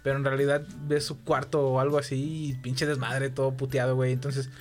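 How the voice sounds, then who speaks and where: A podcast co-host with a Mexican accent chats casually, rambling and swearing with plenty of fillers. His medium-pitched voice is level and a little fast, with faint music in the background.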